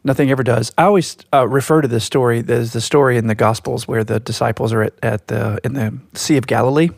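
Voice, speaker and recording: A man co-hosting a podcast, talking in a reflective, storytelling way, slow and deliberate. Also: medium pitch, steady tone, vocal fry, a little mellow, no echo, studio quality. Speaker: podcast co-host. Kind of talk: casual podcast chat.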